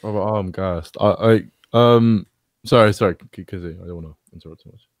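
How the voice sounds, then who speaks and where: A man co-hosting a casual podcast chat, reacting with excitable, hyped-up praise and a lot of laughing. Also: low-pitched, a little fast, dry recording, clean studio sound. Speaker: podcast co-host.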